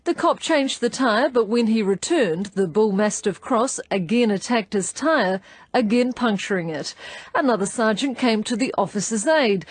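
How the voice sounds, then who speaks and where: A woman's voice: a little high, no echo. A woman presenting a news story in scripted narration.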